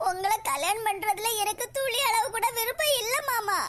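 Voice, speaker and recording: Cartoon role: woman playing a tearful young woman with a Kanyakumari accent, very high and bright, begging throughout. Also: moderate pace. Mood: pleading. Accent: Kanyakumari Tamil. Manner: pleading, tearful. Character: frightened young woman begging her uncle.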